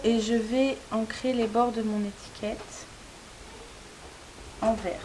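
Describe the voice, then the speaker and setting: A woman hosting a crafting tutorial, explaining each step as she works, often pausing with hesitant fillers. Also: on the high side, low-quality recording. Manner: hesitant, frequent "euh" fillers while working. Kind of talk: step-by-step demonstration. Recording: steady tape-like hiss.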